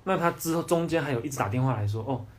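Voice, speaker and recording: A man's voice: fairly high pitch, animated, very fast, a little hiss or hum. A young man with a Taiwanese Mandarin accent hosting a casual livestream podcast, ranting bluntly and swearing freely. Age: young adult. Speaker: podcast host.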